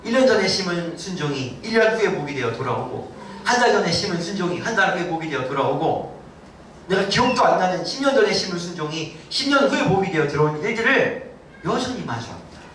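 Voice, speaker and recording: A man's voice: sits high, fast, slight background noise. A man preaching a Sunday sermon as senior pastor, asking the congregation questions and acting out what people say. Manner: animated, asks the congregation questions and acts out quotes. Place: church sanctuary. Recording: very echoey church hall, mic from a distance.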